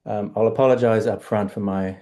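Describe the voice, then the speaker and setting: A middle-aged man with an Australian accent, speaking as a panelist in an online discussion in a halting, self-deprecating way. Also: fairly low pitch, fairly even intonation, mellow. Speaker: panelist, stove enterprise founder.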